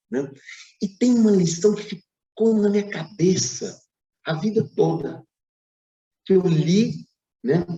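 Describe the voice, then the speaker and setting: A man's voice: a little high, darkish tone, roomy sound, lo-fi sound. A Brazilian man giving a spiritist public lecture, telling a story with frequent asides and tag questions. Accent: Brazilian Portuguese. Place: lecture hall.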